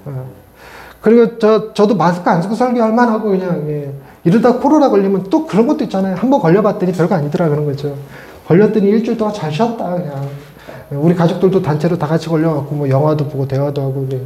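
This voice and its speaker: High-voiced pastor preaching in an echoey church. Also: male voice, fast. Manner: conversational and animated, with playful asides to the congregation. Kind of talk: sermon. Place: church sanctuary.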